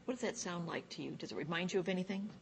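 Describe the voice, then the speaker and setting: Low-voiced woman teaching a Bible class. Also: gravelly, slight background noise. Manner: reads scripture slowly, asks the class questions. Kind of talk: teaching a Bible class, reading scripture aloud. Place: church classroom.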